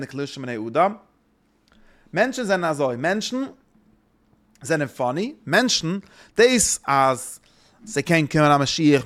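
A man giving an informal religious talk, rambling and halting, often repeating his phrases. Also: fairly high pitch, a bit bright.

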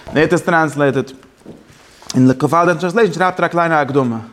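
A man's voice: a little high, normal speed. Rambling man teaching Torah. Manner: rambling, self-correcting, mixes in English and Hebrew terms. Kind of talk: Yiddish-style Torah class.

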